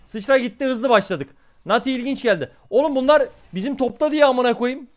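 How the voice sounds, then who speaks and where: Excitable, foul-mouthed young male streamer. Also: extremely high pitch, a little fast. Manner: excitable, swears constantly, talks to chat. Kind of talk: live gameplay commentary.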